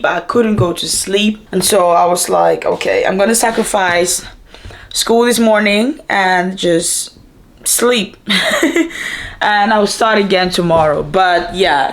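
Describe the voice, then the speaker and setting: A woman's voice: medium pitch, a bit bright, roomy sound. A young woman and student vlogging casually to camera in her apartment, rambling and chatty with lots of fillers. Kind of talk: casual vlog chat to camera. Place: apartment indoors.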